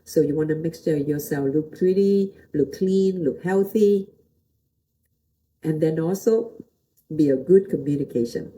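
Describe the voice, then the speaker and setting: The audio is poor, but the voice is low, mellow, and unhurried: a middle-aged Vietnamese pastor and motivational teacher hosting a talk. She uses plain, accented non-native English, repeating brief phrases and putting questions to the listener.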